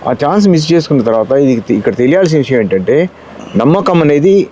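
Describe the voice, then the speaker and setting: A man's voice: fairly high pitch, a little fast, slight background noise. A man, a mimicry artist telling stories animatedly in an interview. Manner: animated storyteller who often acts out quotes. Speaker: mimicry artist and ventriloquist guest. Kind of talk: casual storytelling interview.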